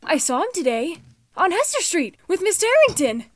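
An actress playing an excitable, innocent young girl in a period drama, eager and childlike. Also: very high-pitched, moderate pace, a little hiss or hum.

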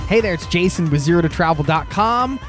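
A man's voice: high-pitched, animated, brisk, over music. A man hosting a podcast from a wooden cabin, chatting casually and cheerfully to listeners as friends. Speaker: podcast host. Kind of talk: solo podcast intro, casual chat to listeners.

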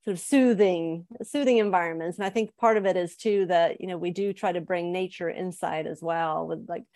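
Swedish-born woman guest on a podcast, thoughtful, kinda low voice, dry sound. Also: steady tone, a little fast, mellow, no echo. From Sweden. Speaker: author and guest. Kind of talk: podcast interview.

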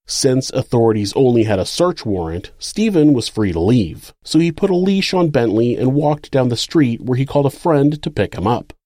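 A man's voice: medium pitch, dark tone, dry recording, clean studio sound. A man with an American accent reading scripted true crime narration as the narrator of the case.

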